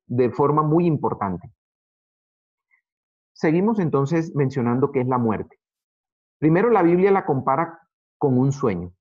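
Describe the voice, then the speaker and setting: An earnest male Bible teacher lectures at a steady middle pitch, calling his listeners brothers and slowing down whenever he reads a verse aloud. The recording sounds dull and lo-fi.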